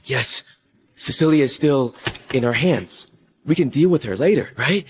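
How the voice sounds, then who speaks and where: A man's voice: medium pitch, lively intonation, a little slow, slight background noise. A man voicing a loyal, reassuring friend in a dubbed drama. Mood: reasoning. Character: loyal male friend, reasoning and calming.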